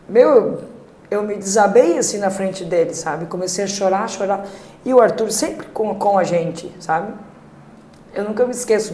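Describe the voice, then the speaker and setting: A Brazilian woman telling her family story as a podcast guest, halting and emotional, with many fillers. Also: medium pitch, mellow. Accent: Brazilian Portuguese. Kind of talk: personal testimony in a podcast. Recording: echoey room.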